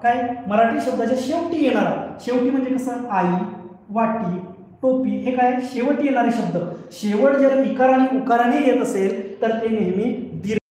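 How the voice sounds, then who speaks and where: Male teacher, high-pitched, patient, repeats rules, quizzes himself; echoey distant room recording. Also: normal speed, mellow. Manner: explains patiently, asks questions and answers them himself; repeats each rule several times. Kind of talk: online scholarship exam grammar lesson. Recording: very echoey hall, voice far from the mic.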